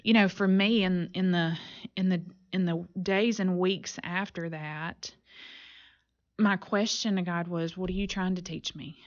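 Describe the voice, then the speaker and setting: A woman's voice: fairly low pitch, fairly even intonation, unhurried. A woman in her forties, a podcast guest, telling her faith story in an earnest, reflective way. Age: 40s. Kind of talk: personal faith testimony. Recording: muffled lo-fi audio.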